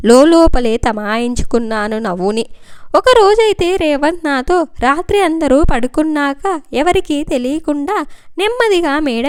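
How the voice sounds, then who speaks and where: A woman narrating a first-person love story in a soft, expressive way. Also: high-pitched, no echo, clean studio sound.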